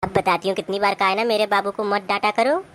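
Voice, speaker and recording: A man's voice: sits high, little pitch movement, fast talker, bright, forceful tone. A man voicing a bossy young wife who dotes on her little brother-in-law and scolds her husband. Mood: doting, scolding. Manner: scolding, fussing, domineering. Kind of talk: comedy sketch acting.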